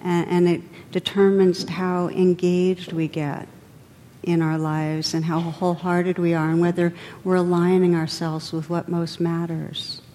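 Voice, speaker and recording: A woman's voice: level tone, a little slow. Reflective woman giving a dharma talk. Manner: reflective, gently meandering. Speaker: meditation teacher. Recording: reverberant hall with faint rumble.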